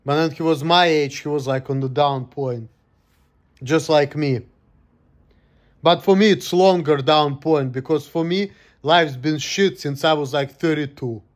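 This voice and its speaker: A man in his late thirties talks straight to camera in a loose vlog monologue. His voice sits a bit high, and he vents in a gloomy, profane way. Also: a little slow. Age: 30s. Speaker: vlogger. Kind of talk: casual monologue.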